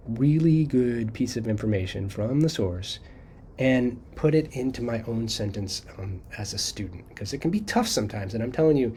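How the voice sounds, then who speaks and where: Guy walking students through a writing lesson, mellow tone, keeps saying okay, bit of hiss behind. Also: mid-range voice. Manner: conversational, checks in with frequent "okay?"; thinks aloud with fillers and restarts. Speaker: college writing teacher. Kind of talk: casual screen-share lecture.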